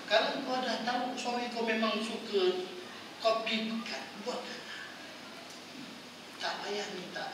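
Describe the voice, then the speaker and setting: A man with a Malaysian Malay accent giving a lively, playful religious lecture in a prayer hall, often quizzing his audience. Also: high voice. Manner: playful, quizzes audience, acts out wives' voices. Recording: echoey hall, distant mic, noisy.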